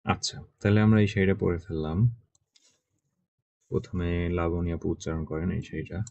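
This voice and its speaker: Man, deep gravelly voice, patient teacher, dry muffled call audio. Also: fairly even intonation, a little fast, a little mellow, no echo. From Bangladesh. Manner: patient, checks in often with short questions. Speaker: Chinese language teacher. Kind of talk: online class teaching pronunciation.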